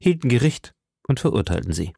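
A man voicing a proud, fearless young musketeer who speaks earnestly and forcefully. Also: medium pitch, very animated, brisk, creaky, slightly rough, dry recording, clean studio sound, exaggerated voice.

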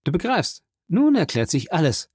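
A man's voice: a little high, huge pitch swings, normal speed, a little mellow, slightly rough, dry recording, clean studio sound, pitched above the performer's own voice, full character voice. A man voicing a cold, guarded young male impostor who answers curtly, in a storybook reading. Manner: curt, guarded.

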